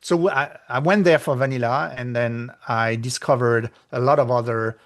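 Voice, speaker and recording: Speaking in a mid-range voice with a French accent, a middle-aged Frenchman appears as a guest author in a relaxed interview. He uses lots of pauses and fillers, and livens up whenever he recounts conversations.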